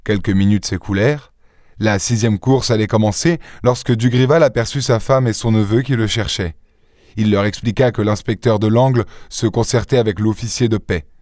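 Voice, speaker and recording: A man's voice: lowish voice, no room sound. Man reading a story, dry studio sound. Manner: measured, even storytelling. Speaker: audiobook reader. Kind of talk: scripted narration.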